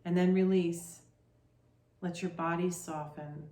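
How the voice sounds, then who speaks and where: A woman leading a guided meditation with soft, soothing instructions. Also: on the low side, fairly even intonation, slow pace, echoey room, slight background noise.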